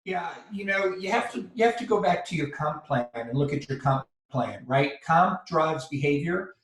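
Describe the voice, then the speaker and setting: A man's voice: a little high, animated, moderate pace, fairly bright tone. Emphatic man in an echoey room. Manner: emphatic, assertive. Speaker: participant. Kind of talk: casual video call discussion. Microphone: video call. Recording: roomy echo.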